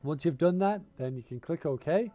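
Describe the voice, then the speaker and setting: Recording a casual step-by-step tech tutorial indoors at home on a gaming headset mic, a channel host with a cold and a tickly cough chats informally and keeps repeating "you wanna" instructions. His fairly high voice is warm with lively intonation at a normal speed, with no echo.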